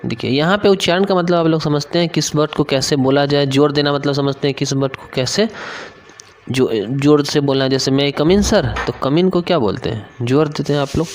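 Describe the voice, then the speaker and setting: A young man from India with a Bihari Hindi accent, teaching an online exam-prep lesson, reading English lines slowly and then explaining them in Hindi, often checking in with his listeners. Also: fairly high pitch. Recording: faint background noise.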